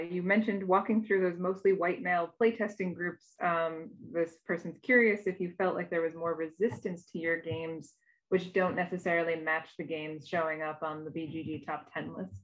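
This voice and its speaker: A woman's voice: lowish voice, fairly even intonation, normal speed. A woman moderating a conference session over a video call, reading out audience questions with frequent fillers. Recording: dull lo-fi video call audio.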